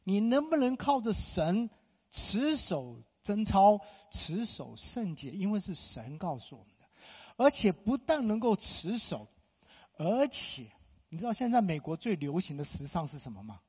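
A man's voice: sits high, very animated, a little slow, a little mellow, husky. A middle-aged male pastor preaching a sermon, emphatic, firing rhetorical questions at the congregation. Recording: long hall reverb.

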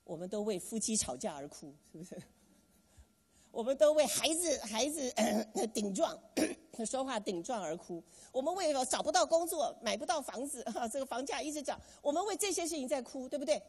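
Female preacher, animated and questioning, a touch breathy, recorded in a reverberant church hall. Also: a little high. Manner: animated, asks the congregation questions and has them repeat phrases. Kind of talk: sermon.

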